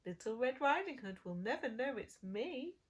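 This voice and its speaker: A woman's voice: a little high, big pitch swings, normal speed, breathy edge. A woman voicing a sly, hungry big bad wolf in a children's storybook, growly and falsely sweet. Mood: sly, wheedling. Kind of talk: children's storybook read-aloud.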